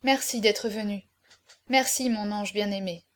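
A woman voicing a noble condemned male hero, speaking in solemn, measured farewell speeches in an audiobook. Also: medium pitch, close to an everyday voice. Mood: tender. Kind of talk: audiobook character reading.

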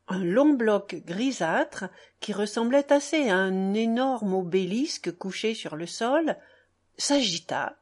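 Slow, expressive woman narrator. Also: mid-range voice. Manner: measured, expressive reading. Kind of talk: audiobook narration.

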